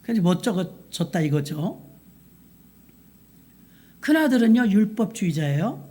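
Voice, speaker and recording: A woman's voice: mid-range voice, very animated, unhurried, mellow. Emphatic woman pastor preaching. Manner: emphatic, repeating key words and asking rhetorical questions. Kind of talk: sermon at a Friday night vigil service. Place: church sanctuary.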